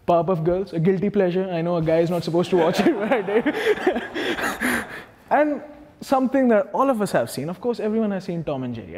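Man, Indian accent, thirties, chatty stage talk, self-deprecating, mellow voice, long hall reverb. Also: on the high side. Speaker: speaker at a public talk. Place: large dark hall with a projector screen. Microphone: small lapel mic.

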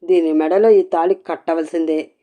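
A woman's voice: fairly low pitch, steady tone, moderate pace, dark tone, lightly acted. A woman voicing a stern young man who speaks curtly and seriously. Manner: curt, serious.

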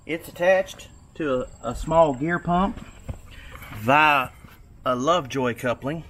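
A man's voice: on the high side, slow pace, fairly bright tone, a little hiss or hum. A man with a Kentucky accent, a tobacco farmer, explaining how his barn was built in a practical, detailed way as he walks through it. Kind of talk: casual explanatory walkthrough. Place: outdoors in an open tobacco barn.

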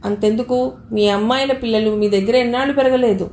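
A woman's voice: fairly high pitch, quick pace, darkish tone, a little hiss or hum, lightly acted. A woman voicing a kind, self-assured younger sister who reasons confidently, in a storybook reading. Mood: persuasive. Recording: echoey room, faint ambience.

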